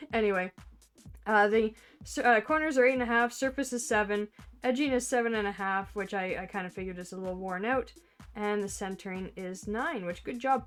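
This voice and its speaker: A woman vlogging an unboxing off camera, gushing, laughing often and trailing off mid-sentence, recorded on a camera mic at home. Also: a little high. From Canada. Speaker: card collecting vlogger.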